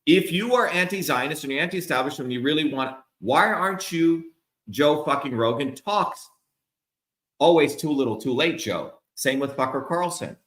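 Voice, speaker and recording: A man's voice: a little high, a bit bright, reverberant. A middle-aged man giving an angry, profane livestream rant as a political candidate. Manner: profane, heated, emphatic. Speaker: political candidate speaking to supporters.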